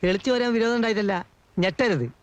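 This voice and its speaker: High-voiced gossipy hanger-on, fussy and self-important. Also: male voice, lively intonation, quick pace, dry recording, rough recording. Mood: alarmed. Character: fussy, scaremongering middle-aged male household hanger-on.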